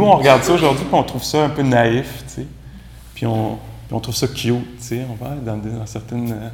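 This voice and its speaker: A man from Quebec with a Quebec French accent teaches meditation in an easy, conversational way, leaning on little fillers between his thoughts. His voice sits at an ordinary pitch for a man. The talk carries the echo of a room, with faint noise behind it. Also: gravelly, darkish tone. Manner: casual, conversational, many "tu sais" fillers. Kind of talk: dharma talk.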